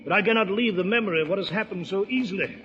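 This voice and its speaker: High-voiced Doctor Watson, acted by a man, old radio. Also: rapid-fire, dull audio, natural voice. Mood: earnest, shaken. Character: loyal, earnest male English doctor, easily astonished. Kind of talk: 1940s radio drama acting. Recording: noisy vintage 1940s radio recording.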